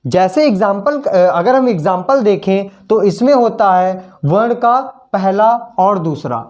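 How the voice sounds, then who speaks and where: A male teacher giving a slow classroom lesson, often repeating words while he writes on the board. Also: high-pitched, a little mellow, lo-fi sound. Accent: Hindi.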